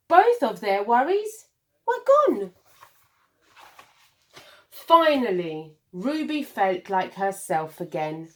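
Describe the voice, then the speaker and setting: Her mid-range voice carries a children's picture book read aloud much as a primary school teacher would. She reads expressively, with deliberate dramatic pauses and emphasis for young listeners.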